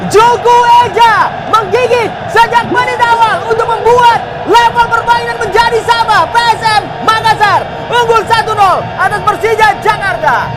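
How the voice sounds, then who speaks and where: A man with an Indonesian accent doing live football commentary, shouting an excited goal call with repeated drawn-out cries. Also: very high voice. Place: football stadium broadcast. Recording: loud stadium crowd and noise.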